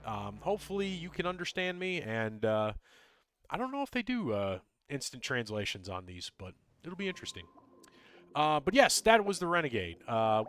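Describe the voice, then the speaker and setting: A man streaming a video game, chatting casually with viewers; he talks fast, mumbles and rambles with lots of ums and uhs. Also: fairly high pitch, fairly bright tone. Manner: tends to mumble and talk fast.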